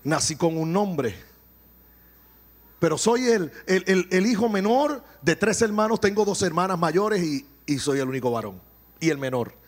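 A Puerto Rican man preaching a sermon, animated, swelling to shouts and dropping into joking asides. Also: sits high, moderate pace. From Puerto Rico.

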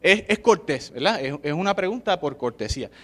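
A man's voice: fairly high pitch, animated, a little fast, a bit bright. A man with a Puerto Rican accent giving an informal sermon, chatting with the listeners and often asking "¿verdad?" as he tells a story. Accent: Puerto Rican Spanish. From Puerto Rico.

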